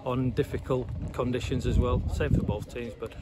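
Man, middle-aged, assistant football manager, post-match interview, hesitant with fillers, monotone, loud outdoor traffic noise. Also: mid-range voice, moderate pace. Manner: hesitant, many fillers and repeated words. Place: outdoors at a football ground by terrace steps.

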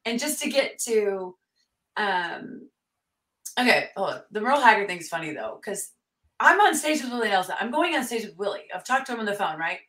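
A woman with a bright, forceful voice tells stories in an animated way, with sudden loud bursts when she acts out quotes. She sits a little back from the mic, so the voice sounds slightly distant. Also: mid-range voice, normal speed, echoey room. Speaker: country singer and fiddler, guest. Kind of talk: storytelling interview chat.

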